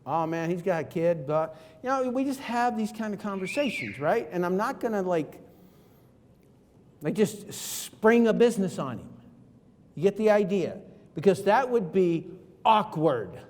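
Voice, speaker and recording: A man giving an energetic, jokey seminar talk on network marketing, acting out phone calls with friends. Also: sits high, a little slow. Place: conference hall. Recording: reverberant hall.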